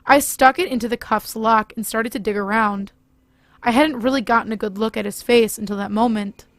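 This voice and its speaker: A woman narrating a first-person horror story in a steady, scripted delivery. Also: fairly high pitch, a little fast, no room sound.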